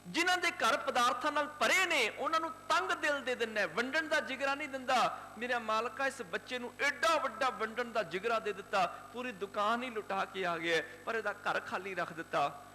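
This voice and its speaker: A poor, loving old grandmother , played by a preacher in his retelling pours out a fervent prayer. The voice sits high and bright, with a long hall reverb and a faint hum underneath. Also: normal speed.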